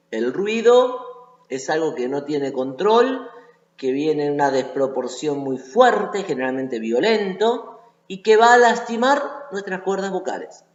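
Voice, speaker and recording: A man with a Rioplatense Spanish accent teaching a voice lesson, explaining step by step and often checking in with the listener. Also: a little high. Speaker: singing teacher. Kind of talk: online voice lesson. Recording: echoey lo-fi room recording.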